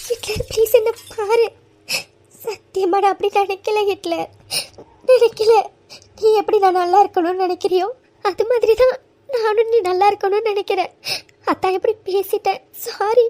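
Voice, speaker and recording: A soft, pleading young wife in a cartoon love story, guilty about her husband's burden. A performer gives her a very high-pitched, mellow voice. The read is dry and close to the mic. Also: steady tone, moderate pace, dry recording. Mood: tearful pleading. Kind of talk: cartoon voice acting.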